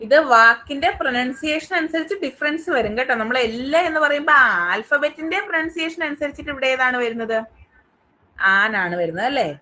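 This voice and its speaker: A woman's voice: high-pitched, expressive, brisk, sharp tone, rough recording. A woman teaching an online English class with a Malayali accent, asking her students question after question to check they follow. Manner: asks the class many quiz questions, checking understanding.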